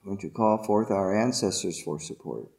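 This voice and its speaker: A man leading a guided meditation and spiritual invocation in a deliberate, ceremonial manner, in short separated phrases. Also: on the low side, creaky, darkish tone.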